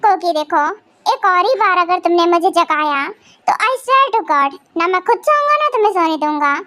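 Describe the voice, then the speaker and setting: A woman's voice: very high-pitched, animated, moderate pace, sharp tone, no room sound, full character voice. A woman voicing a sleepy, exasperated young husband who grumbles and then coaxes his wife in a fan audio drama. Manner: grumbling, scolding then soothing.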